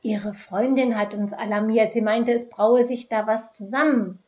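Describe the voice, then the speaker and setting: Calm, reassuring male police inspector, voiced by a female narrator, muffled recording. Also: on the high side, normal speed, natural voice.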